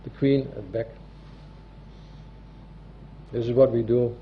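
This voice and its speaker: A man with a Dutch accent and a mid-range voice presents formally, like a professional addressing colleagues. His delivery is deliberate and a little halting. The recording is dull and muffled, with noticeable noise behind him. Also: mid-range voice, fairly even intonation. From Netherlands. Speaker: civil law notary giving a presentation. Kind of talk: formal presentation, partly read from a script. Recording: dull, muffled audio with loud background noise.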